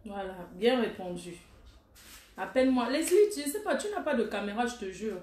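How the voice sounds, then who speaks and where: A woman's voice: on the high side, very animated, normal speed, a little mellow. A woman hosting a casual live stream, chatting with viewers in a blunt, teasing way. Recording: echoey room.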